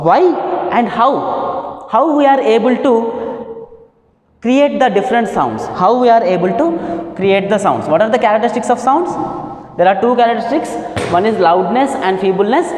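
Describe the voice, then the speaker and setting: A woman teacher with an Indian English accent giving a physics lesson, repeating key terms slowly and asking then answering her own questions. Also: on the high side, a little mellow. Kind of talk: classroom lesson. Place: classroom. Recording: echoey room with long reverb.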